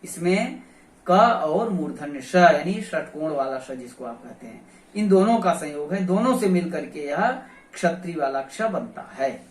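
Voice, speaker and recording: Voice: mid-range voice, lively intonation, a little slow, a little mellow. A teacher explaining pronunciation in a lesson, speaking methodically and saying each sound aloud several times to demonstrate it. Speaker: grammar teacher. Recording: roomy echo, voice from a distance.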